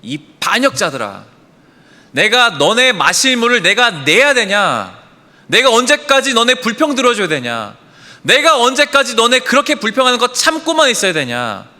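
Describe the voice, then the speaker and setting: A man's voice: very high voice, big pitch swings, normal speed, big-room sound, pitched above the performer's own voice, exaggerated voice. A male preacher acting out an exasperated man who scolds a grumbling crowd with rhetorical questions. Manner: shouting rebukes and rhetorical questions.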